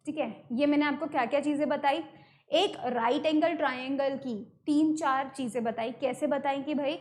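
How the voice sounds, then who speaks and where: A woman's voice: sits high, fairly even intonation, moderate pace, a little mellow. An Indian woman teaching an online math lesson, explaining step by step and repeating key terms, mixing English words into her talk. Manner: mixes English terms into Hindi.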